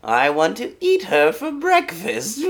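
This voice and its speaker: A cackling bony old witch, voiced by a woman drags out every word with sugary menace. Her pitch leaps and swoops wildly, and her delivery is unhurried and deliberate. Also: wildly swooping pitch, a bit bright, heavily acted. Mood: sinister.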